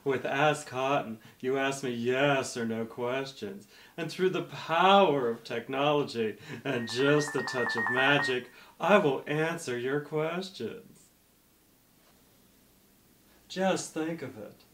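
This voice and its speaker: A middle-aged man playing a sugary, self-proclaimed mystical drag diva, making a coy, theatrical hard sell infomercial pitch. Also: takes it slowly, fairly bright tone, far from the mic. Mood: grandiose, sweet. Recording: echoey room, off the mic.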